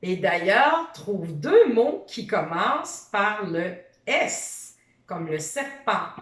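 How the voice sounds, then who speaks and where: A woman leads a children's reading lesson, slow and encouraging as she sounds out each letter. Her voice swoops lively up and down and sits a little high. She sounds set back from the mic in a roomy, echoey space. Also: far from the mic. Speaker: teacher.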